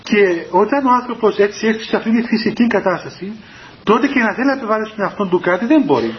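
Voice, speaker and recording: A man's voice: high-pitched, expressive. A man giving a storytelling homily as a monastic elder, anecdotal and chuckling, taped on an old cassette. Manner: anecdotal, chuckling, acts out quoted dialogue. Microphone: cassette recorder in the room. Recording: dull lo-fi 1990s cassette recording with faint hiss.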